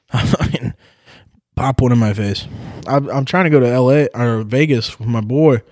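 A man's voice: mid-range voice, a little slow, no echo, studio quality. A man hosting a sports podcast, chatting casually about football picks with rowdy, profane outbursts. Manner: rowdy, swearing, excitable outbursts.

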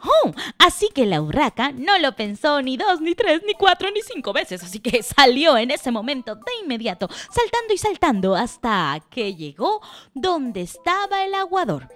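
A woman telling a children's story in an animated, sing-song way. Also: sits high, moderate pace.

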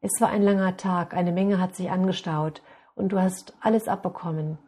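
A woman reading out a hardworking father who scolds his son loudly. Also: fairly low pitch, fairly even intonation, moderate pace, lightly acted. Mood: soft apologetic. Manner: loud, scolding outbursts. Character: angry hardworking father, later remorseful.

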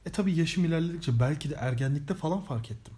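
A young man co-hosting a podcast, telling childhood stories in a casual, animated way and swearing freely. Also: a little high, fast talker. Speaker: podcast co-host. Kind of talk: casual comedic chat.

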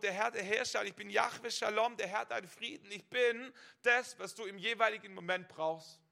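High, gravelly, bright-toned male preacher. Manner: stacks rhetorical "what if" questions, repeats words when starting; direct address to the listener. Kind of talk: sermon.

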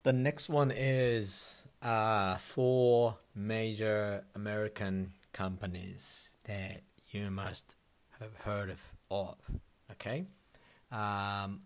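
A male language teacher, speaking in a lowish voice. He moves at an unhurried, very slow pace, saying each word over and over and filling pauses with "um" and "uh". The tone is a casual lesson, not a scripted one. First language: Japanese. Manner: slow, repeats each word several times, many fillers.

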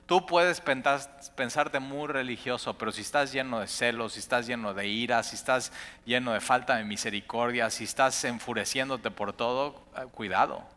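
A man's voice: medium pitch, normal speed. Man preaching in a reverberant church. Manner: animated preaching, acts out listeners' inner voices. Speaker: pastor. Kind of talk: sermon.

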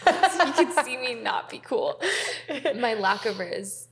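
Lively, teasing young woman co-host. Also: a little high, slow pace. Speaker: podcast co-host. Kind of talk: casual chat.

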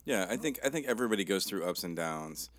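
A man in his thirties with a rough, tired-sounding voice, chatting as a podcast co-host in a laid-back, joking way. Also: low-pitched, animated, fast talker, a bit bright, no room sound. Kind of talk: casual chat.

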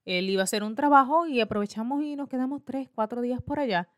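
A woman's voice: fairly high pitch, quick pace, no echo, studio quality. A woman in her forties with a Puerto Rican accent, a school librarian telling her own story to listeners and acting out both sides of her conversations. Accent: Puerto Rican Spanish. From Puerto Rico. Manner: lively, acts out both sides of her dialogues. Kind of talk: personal storytelling to an audience.

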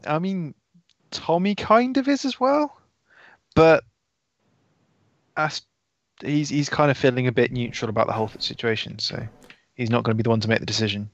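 A man's voice: mid-range voice, normal speed, pauses often, no echo. A man player in a tabletop game, talking hesitantly and restarting often. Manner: hesitant, repeats words. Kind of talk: tabletop role-play chat. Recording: dull, dry lo-fi mic.

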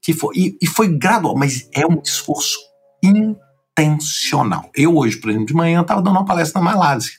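A man, telling stories as an interview guest in an animated way with lots of filler words. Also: a little high, normal speed, breathy edge. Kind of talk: casual interview storytelling.

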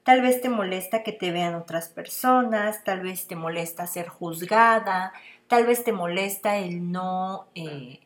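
Woman, parenting podcast host, earnest and direct, keeps repeating herself to drive it home. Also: mid-range voice. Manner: earnest, speaks straight to the listener, repeats phrases for emphasis. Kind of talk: casual advice monologue.

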